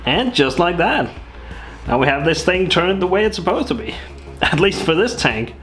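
A man's voice: high-pitched, moderate pace, faint music behind. A man giving casual, chatty commentary as he works on a vehicle in a cold workshop. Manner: relaxed, chatty, with small laughs. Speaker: vehicle restoration vlogger. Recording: echoey workshop with loud noise.

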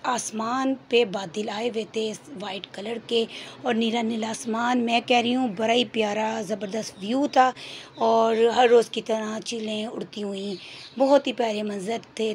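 A middle-aged woman with a Punjabi accent and a hoarse throat, chatting homely through her daily cooking vlog. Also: a little high, a little mellow, a little hiss or hum. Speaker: cooking vlogger. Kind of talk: casual vlog voice-over.

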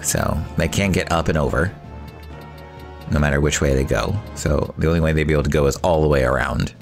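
A man with a very deep, gravelly voice talks through a strategy game in a loose, thinking-aloud way. He weighs his moves and reads bits of the story out loud, with game music faint behind him. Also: fairly quick. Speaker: gamer playing a strategy game mod. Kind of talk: casual gameplay commentary.

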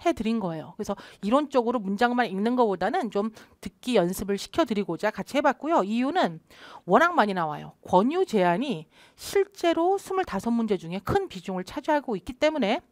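A woman teaching a test-prep lesson, her voice a little high and swinging widely up and down as she explains and drills phrases. The sound is dry and close, with no room around her. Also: fairly quick, no room sound. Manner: explains and drills phrases, lively rising and falling delivery. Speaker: English test-prep instructor. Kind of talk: online lecture.

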